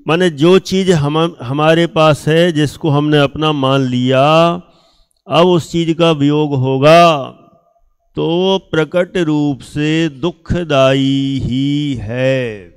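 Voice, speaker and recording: A man teaching a class of students, speaking slowly with emphasis, asking them questions and acting out things people say. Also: fairly high pitch, fairly even intonation, clear, resonant tone. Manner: acts out quoted speech of others.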